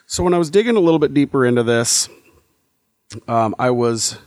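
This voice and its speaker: A man of ordinary pitch co-hosts a podcast in loose, rambling chat, full of fillers and restarts as he works things out aloud. His voice sounds close and dry, with no room around it. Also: animated, a little fast, a little mellow, dry recording. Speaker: podcast co-host. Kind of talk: casual chat.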